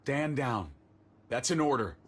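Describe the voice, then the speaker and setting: A man's voice: mid-range voice, lively intonation, measured pace, husky. An actor playing a hardened, curt militia leader and estranged father in a dramatic video game. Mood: stern, commanding. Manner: curt, commanding.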